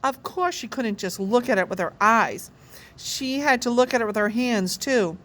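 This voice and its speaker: A woman reading a children's novel aloud with expressive, animated storytelling. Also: a little high, normal speed. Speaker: children's book reader.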